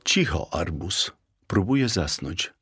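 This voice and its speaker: Grumpy clever little dog from a storybook, low curt mutter, voiced by a man reading. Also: very animated, takes it slowly, pushed and bright, husky, soft background music, heavily acted. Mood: grumbling. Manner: grumbling, curt. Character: sleepy grumbling female dog, sharp-witted.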